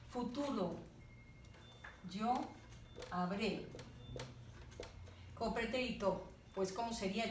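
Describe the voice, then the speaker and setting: A woman teacher gives a grammar lesson, talking slowly and deliberately and checking in with her students as she goes. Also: mid-range voice, a little mellow. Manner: slow and deliberate, checking in with "¿de acuerdo?". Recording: roomy, distant, faint background noise.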